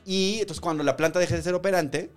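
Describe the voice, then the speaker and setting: A man's voice: sits high, fairly quick, soft background music. A young man with a Mexican Spanish accent, hosting a podcast in casual chat. He tells stories with energy, acts out the voices of the people he quotes and laughs often. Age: young adult. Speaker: podcast host.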